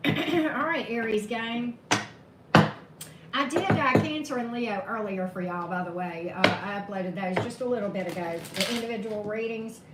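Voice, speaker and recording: Speaking at an ordinary pace, a high-voiced woman with a touch of hoarseness reads tarot on a live stream and says hello to viewers one by one. She's chatty and laughs at her own groan-worthy jokes, in an echoey room with constant, clearly heard background noise.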